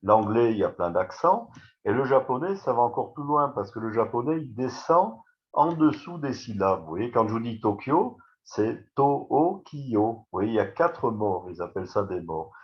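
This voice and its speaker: A man's voice: medium pitch, big pitch swings, moderate pace, muffled recording. A man, a neurologist, giving an informal webinar talk, chatty and full of restarts, speaking straight to his listeners. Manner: conversational, many fillers and restarts, addresses listeners directly. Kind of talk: informal lecture.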